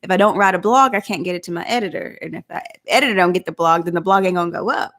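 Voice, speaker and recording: A woman's voice: on the low side, racing, fairly bright tone. Chatty woman with a country drawl. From Southeast Oklahoma. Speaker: vlog host. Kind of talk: casual live chat.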